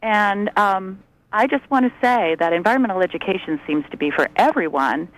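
A woman's voice: medium pitch, expressive, brisk, poor audio. An older woman, a retired teacher, calling in over the phone to a radio talk show and chatting earnestly. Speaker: caller. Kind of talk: casual call-in chat.

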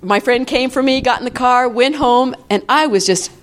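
A woman in her fifties telling a personal testimony in church, in an animated, chatty storytelling way with frequent laughter. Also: fairly high pitch, normal speed. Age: 50s. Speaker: church member giving a testimony.

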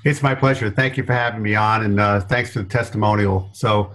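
A middle-aged business consultant from New York, his accent faded, is a guest on a podcast interview, telling stories in a lowish, steady, slightly bright voice at a fairly quick clip. He laughs often and gives his asides extra punch.

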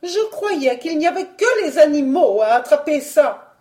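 A woman reading a storybook voices a hysterical, demanding rich baroness in a raised, shrill tone. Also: animated, takes it slowly, a little mellow.

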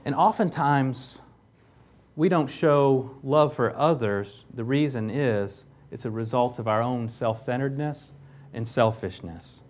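In an unhurried, mid-range voice, a man delivers a sermon as a pastor, reading scripture aloud. His emphatic preaching rises loud on the key phrases he stresses, broken up by casual asides.

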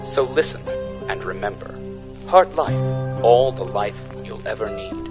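A man's voice: expressive, a little slow. Man as a slick sponsor announcer over guitar. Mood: salesy. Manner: slick sponsor-pitch delivery. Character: smooth male corporate radio announcer.

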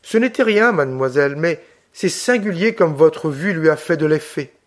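A man's voice: on the high side, expressive, moderate pace, lightly acted. A man voicing a talkative, kindly woman who keeps the farm. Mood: chatty. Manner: talkative, apologetic.

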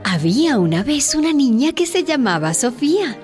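A woman giving expressive, scripted narration of a children's story. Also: high voice, normal speed. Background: music.

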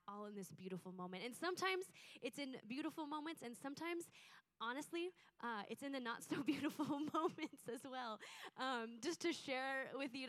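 A woman's voice: fairly high pitch, fairly bright tone. A young woman preaching to a church, telling a personal story in an earnest, heartfelt way. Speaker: church speaker.

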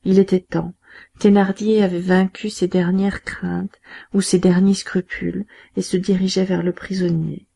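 A woman reading a classic novel aloud as an audiobook narrator, steady and measured. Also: lowish voice, gravelly, slightly rough.

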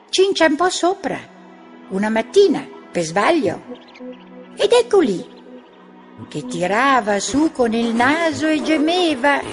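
A woman narrating a children's storybook in a slow, expressive reading voice. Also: sits high. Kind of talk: children's story read-aloud. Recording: music bed under the voice.

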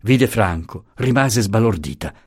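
A man reads a literary novel aloud in a low, mellow voice, his pitch moving widely as he shapes each sentence. His delivery is slow and measured, close to the mic in a dry space with no room sound. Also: lively intonation, slightly rough, no room sound. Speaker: audiobook narrator. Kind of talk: literary audiobook narration.

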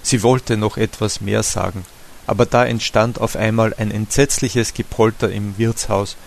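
A man narrating a classic novella as a steady audiobook reader. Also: fairly low pitch, moderate pace, vocal fry. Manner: steady storytelling reading. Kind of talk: scripted narration.

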